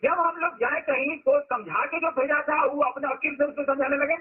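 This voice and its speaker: A man's voice: very high-pitched, moderate pace, phone-quality sound. A man giving an informal spiritual discourse as a teacher, talking conversationally and asking rhetorical questions.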